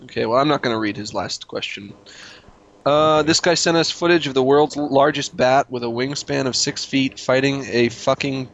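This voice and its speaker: A man's voice: mid-range voice, moderate pace, a bit bright, dull audio. A man hosting a casual comedy podcast, reading listener emails in a dry, offhand way with casual swearing.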